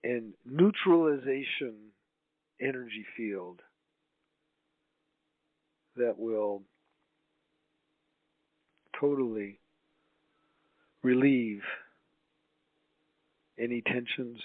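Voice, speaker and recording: A man leading a guided healing meditation as a spiritual channel, in a solemn, mystical healer manner with drawn-out, halting phrases. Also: mid-range voice. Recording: roomy, tinny phone-like line.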